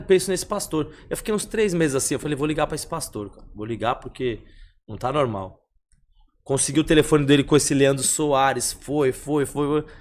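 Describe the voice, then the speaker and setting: Animated São man telling a story. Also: on the high side. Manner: animated, repeats phrases, acts out the dialogue. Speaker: podcast guest. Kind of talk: casual storytelling in a podcast chat.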